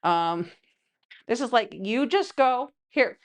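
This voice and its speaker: A woman's voice: mid-range voice, normal speed. A woman gives a casual tarot reading in a loose, chatty way. She rambles through her asides and leans on fillers like "you know" and "right.". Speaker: tarot reader.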